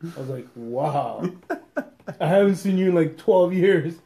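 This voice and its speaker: A young man chats casually on a podcast in a mellow, warm voice that sits a little high. He talks in a relaxed way, with plenty of ums and likes. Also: moderate pace. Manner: relaxed, chatty, with filler words. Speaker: podcast co-host. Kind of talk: casual chat.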